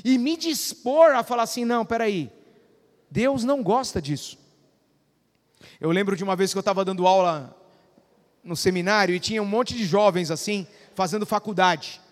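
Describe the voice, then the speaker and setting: High-voiced preaching man in a reverberant hall. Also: lively intonation, fairly quick. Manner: conversational preaching with questions to the congregation. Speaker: pastor. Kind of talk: sermon.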